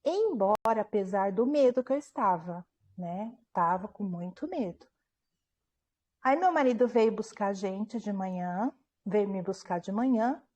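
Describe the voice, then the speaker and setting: Woman author as interview guest; warm, mellow tone, lively storyteller who acts out the dialogue. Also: medium pitch, measured pace. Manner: animated retelling, acting out quoted dialogue, frequent tag questions. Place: at home.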